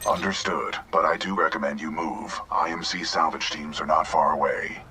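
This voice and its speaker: An actor playing a calm, formal male war robot in a video game, low on power and restarting his systems, reporting in a measured, precise way. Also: distant mic, noisy background. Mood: advising.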